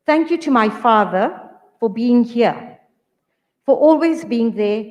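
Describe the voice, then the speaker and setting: Woman, author, earnest measured speech, fairly high voice, hall reverb. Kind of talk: reading a prepared speech.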